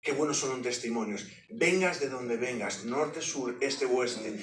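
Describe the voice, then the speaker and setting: At a measured pace and medium pitch, a man recounts his testimony as a sermon, animated and joking, complete with sound effects. The recording comes from a distant mic in an echoey hall and carries slight hiss or hum.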